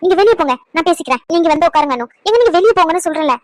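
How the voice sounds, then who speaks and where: A woman playing a sharp-tongued young pregnant wife in a cartoon, talking fast and needling in a very high voice. The sound is close and dry. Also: expressive, no echo. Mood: coaxing. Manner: quick, needling, argumentative. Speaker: voice actor. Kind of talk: cartoon voice acting.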